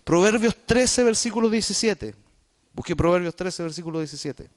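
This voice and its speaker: A man's voice: high voice, animated, normal speed. A man with a Chilean Spanish accent preaching a sermon in a church, talking directly to the congregation in a conversational way. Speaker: pastor.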